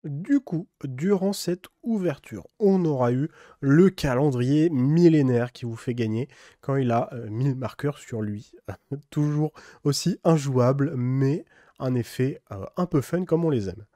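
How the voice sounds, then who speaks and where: A man hosting a casual card-pack opening, speaking slowly with many fillers and reading card names. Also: medium pitch, no echo, studio quality. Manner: relaxed, many fillers, reads card names slowly in a put-on English accent. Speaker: card-opening video host. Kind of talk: casual unboxing commentary.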